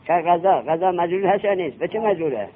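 A man's voice: sits high, expressive. Questioning male teacher, tinny recording. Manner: quizzing students with quick questions. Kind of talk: classroom lesson on Arabic grammar.

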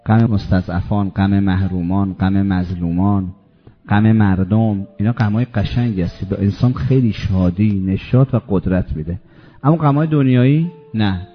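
A man preaching a religious sermon. He tells stories and swings from low, slow reflection to loud, emphatic peaks. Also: highs cut off.

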